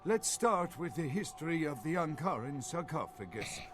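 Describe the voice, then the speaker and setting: An agitated archaeologist held captive in a video game, indignant at first and pedantic once he starts explaining. The voice sits a bit high for a man, and soft game music plays underneath. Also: very animated, normal speed. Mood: lecturing. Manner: indignant, then lecturing and scholarly. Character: anxious middle-aged male archaeologist held captive.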